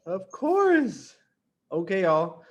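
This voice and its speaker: A man from Lebanon hosts an online case session over a video call, chatting casually. He sounds upbeat and enthusiastic, with playful bursts of excitement between calmer stretches. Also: sits high, very slow, lo-fi sound. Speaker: host.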